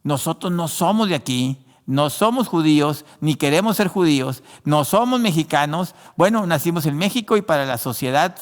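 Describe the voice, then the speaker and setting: A man's voice: fairly high pitch, animated, moderate pace, few pauses, in a large hall. A man preaching a sermon who learned Spanish later, addressing listeners as brothers, with frequent restarts. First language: not Spanish. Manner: preaching with many fillers and restarts, addressing "hermano". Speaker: pastor.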